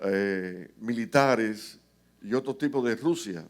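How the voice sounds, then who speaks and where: A man's voice: fairly low pitch, slow. A male pastor, preaching a sermon with passion and rhetorical asides to the congregation. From Cuba. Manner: impassioned preaching, retells scripture in dramatic quoted voices.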